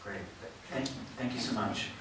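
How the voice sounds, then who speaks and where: A man with a low voice chairs a public hearing, politely moving the agenda along and thanking those who attended. His voice sounds distant and echoes heavily around the hall, with faint noise underneath. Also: unhurried. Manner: polite, procedural, thanks people. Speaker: meeting chair.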